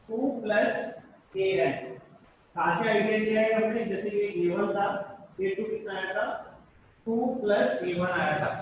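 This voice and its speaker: A man teaching a math lecture, explaining step by step and asking and answering his own questions. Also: sits high. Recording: echoey hall, distant mic, faint room noise.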